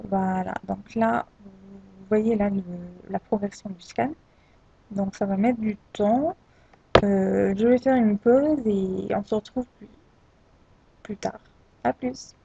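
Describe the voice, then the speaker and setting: A woman narrating a screen-recorded software tutorial, hesitant and full of fillers and restarts. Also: mid-range voice, fairly even intonation, takes it slowly, creaky, long pauses, slight background noise. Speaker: tutorial presenter. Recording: dull lo-fi home recording.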